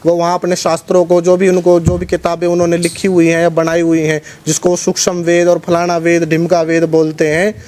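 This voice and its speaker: A man speaking as a religious organisation's spokesman at a press conference, in a forceful, combative preaching tone. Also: on the high side, completely flat delivery, brisk, hardly any pauses. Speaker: Arya Samaj spokesman.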